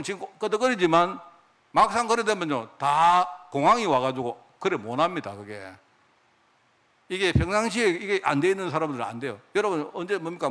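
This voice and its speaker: A man preaching a sermon as pastor, talking in a lively conversational way with many rhetorical questions to the congregation and acting out quoted speech. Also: fairly high pitch. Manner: acts out God's and others' speech in quoted lines.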